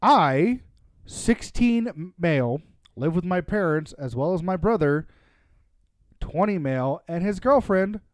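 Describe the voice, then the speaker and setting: A man's voice: sits high, lively intonation, measured pace, no echo, studio quality. A man co-hosting a casual chat show, reading a story aloud and joking between lines. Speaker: podcast host reading stories.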